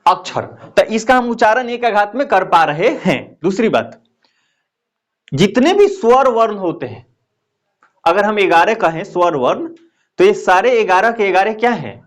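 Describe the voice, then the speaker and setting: Male teacher, high and animated voice, drills terms by repeating them and quizzing the class. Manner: explains slowly, repeats key phrases, asks students questions. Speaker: Hindi grammar teacher. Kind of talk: classroom lecture.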